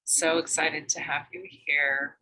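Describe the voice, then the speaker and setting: A woman's voice: deep voice, level tone, slow pace, poor audio. A woman leading an online group meditation session over a video call, talking informally and meanderingly with many fillers before guiding the practice. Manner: rambling and warm in greeting, with many fillers. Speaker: meditation guide. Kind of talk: informal spiritual talk before a guided meditation.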